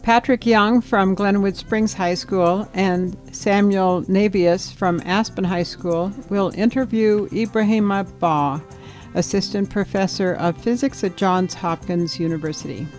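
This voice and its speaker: A woman's voice: mid-range voice, fairly even intonation, measured pace, darkish tone, soft background music. A woman hosting a radio program, reading a scripted introduction steadily and stopping to check pronunciations. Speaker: radio host.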